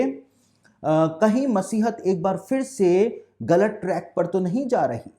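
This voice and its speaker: Male pastor preaching on prophecy, soft dark tone, says everything twice to make sure it lands. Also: sits high. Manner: deliberate and explanatory, restating each point twice. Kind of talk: preaching-style Bible prophecy talk.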